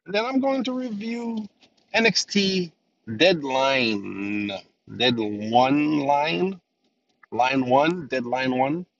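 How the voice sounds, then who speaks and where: A man hosts a podcast by himself, talking slowly in a slightly high voice and rambling casually with plenty of filler words, his voice nasal from a lingering cold. The recording is dull and lo-fi, with him somewhat off-mic and far away.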